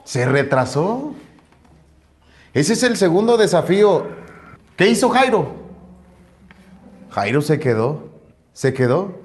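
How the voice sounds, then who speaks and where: A middle-aged pastor preaching with a somewhat high voice. He tells his stories vividly and makes sound effects with his mouth. He keeps speaking to the congregation throughout. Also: takes it slowly, pauses often. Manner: animated storytelling with sound effects. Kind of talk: sermon.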